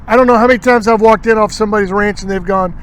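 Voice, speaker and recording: A man's voice: sits high, rapid-fire. A man hosting an outdoors show, telling rambling hunting stories and acting out what people said, recorded outdoors at a marina. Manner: rambling, animated storyteller acting out quotes. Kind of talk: casual storytelling chat.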